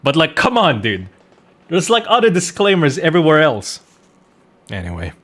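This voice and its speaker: A streamer and voice actor chats casually during a gaming livestream, swearing now and then and repeating himself for emphasis. His voice is a little high and a bit bright, with huge pitch swings at a normal speed.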